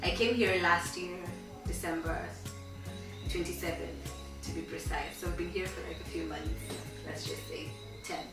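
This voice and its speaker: A woman in her twenties with a Kenyan accent, chatting candidly as an interview guest and telling her story in an animated way. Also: on the low side, normal speed. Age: 20s. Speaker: guest, medical student. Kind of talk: casual chat interview. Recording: very echoey room, distant mic, music behind.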